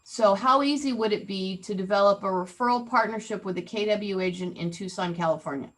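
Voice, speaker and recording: Talking a little fast at medium pitch, a woman hosts an online real estate training session on a rough recording. Her style is playful and talkative, with plenty of questions tossed to the group on the call.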